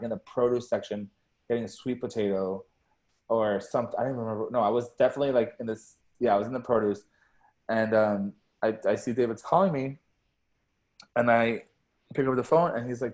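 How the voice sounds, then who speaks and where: A young man on a podcast mic, talking casually in a lowish voice. He rambles, stacks up "like" fillers and swears freely as he tells the story. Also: a little mellow. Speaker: podcast co-host.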